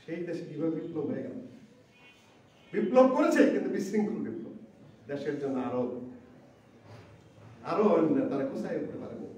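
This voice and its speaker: A man's voice: mid-range voice, darkish tone, slight background noise. A man preaching a Friday sermon in a mosque, with impassioned, rising emphasis, chanting Arabic supplications between plain speech. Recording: echoey distant lo-fi mosque recording.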